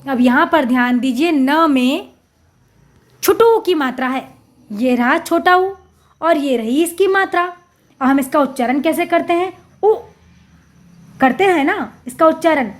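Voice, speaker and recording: High-pitched slow woman teaching children. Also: lively intonation. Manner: slow, drawn-out syllables with emphatic repeats; addresses children directly, patient explaining. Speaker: primary school Hindi teacher. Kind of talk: syllable-by-syllable reading lesson for young children.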